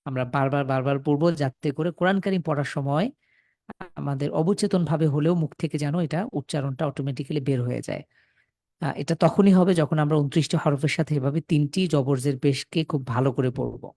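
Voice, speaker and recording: A man's voice: a little high, a little fast, a little mellow, clean studio sound. A man from Bangladesh teaching Quran reading in a live online class, patiently repeating rules and sounding out syllables for students to echo over a computer mic.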